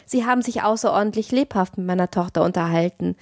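A woman voicing an older male professor, smug and sly, speaking with a quick, knowing tone. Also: medium pitch, darkish tone, no echo, clean studio sound, lightly acted.

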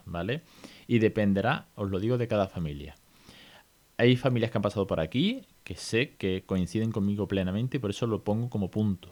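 A middle-aged man with a Spanish accent from Spain, hosting a podcast in a casual, lively monologue, full of restarts and quick checks with his listeners. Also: on the low side. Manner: lively, chatty, many restarts and "¿vale?" checks. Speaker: podcast host.

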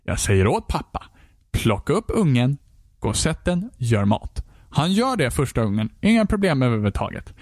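Animated, exasperated man telling a story. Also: medium pitch, dry recording, studio quality. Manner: animated, exasperated, swears freely. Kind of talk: casual comedic storytelling about a game.

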